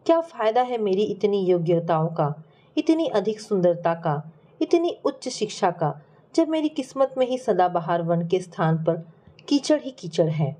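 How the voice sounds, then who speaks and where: A woman's voice: mid-range voice, big pitch swings, measured pace, dark tone. A woman playing a tearful devoted wife. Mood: lamenting. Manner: pleading, emotional speech. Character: grieving middle-aged wife, tearful and devoted.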